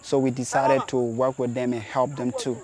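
A man from Liberia, a refugee, speaking earnestly and a little haltingly in an outdoor documentary interview. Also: mid-range voice, flat delivery, a loud crowd. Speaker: refugee, organization member. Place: outdoors among trees.

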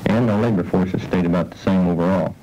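A man's voice: sits low, fairly even intonation, quick pace, warm tone, soft background music. A middle-aged man from central Indiana, a farmer, giving plain factual answers in a living room, on a dull old film soundtrack. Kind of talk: casual interview answers. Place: living room, seated on a sofa.

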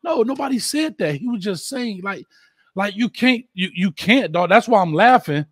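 High-voiced blunt sports show host man. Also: lively intonation, normal speed, no room sound, studio quality. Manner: blunt, slangy, teasing, reads viewer comments aloud. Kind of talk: casual sports talk show.

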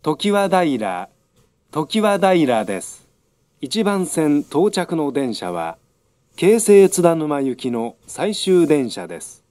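A male announcer reads a formal train station announcement. His pitch is a little high and moves in lively steps. He takes his time over measured set phrases, with a dry sound. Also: dry recording. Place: station platform public address system.

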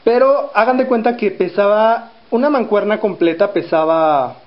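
A man in his thirties telling a personal story in a casual home vlog, relaxed and full of pauses and fillers, recorded on a camera mic in a small room. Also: sits high. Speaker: fitness vlogger. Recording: roomy, dull lo-fi camera audio.

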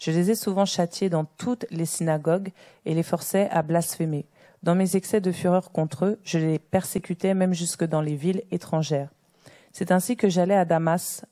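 A woman reading scripture passages aloud in a steady, even manner during a sermon. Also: fairly low pitch. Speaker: scripture reader.

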